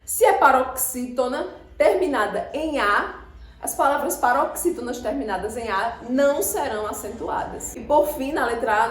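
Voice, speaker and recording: Brazilian woman teacher going over grammar, higher voice, repeats words slow syllable by syllable, roomy echo. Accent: Brazilian Portuguese. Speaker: Portuguese teacher. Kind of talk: exam-prep grammar lesson.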